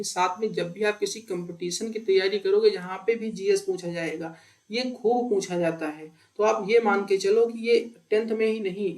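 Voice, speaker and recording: A man with a high voice walks students through an exam-prep lesson. He asks his own questions and answers them in a chatty, conversational way. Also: darkish tone. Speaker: teacher. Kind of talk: explanatory exam-prep lecture.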